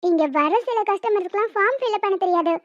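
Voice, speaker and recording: A woman's voice: very high voice, quick pace, dry recording. A woman voicing a bossy pregnant young woman in a cartoon, firm and persuading. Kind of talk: cartoon dialogue. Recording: dull lo-fi dry sound.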